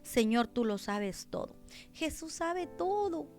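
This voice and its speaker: High-voiced Mexican woman preaching. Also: big pitch swings, slow pace, faint music behind. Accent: Mexican Spanish. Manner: emphatic, swings from hushed to loud cries. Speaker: pastor. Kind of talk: radio sermon.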